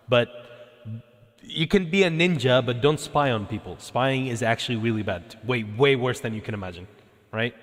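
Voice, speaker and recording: A man of middle pitch talks loosely to his stream chat while he explains scripture, rambling and correcting himself as he goes. He breaks into laughter often. His voice rings with a long reverb tail. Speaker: VTuber streamer. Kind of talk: casual livestream chat explaining Quran verses.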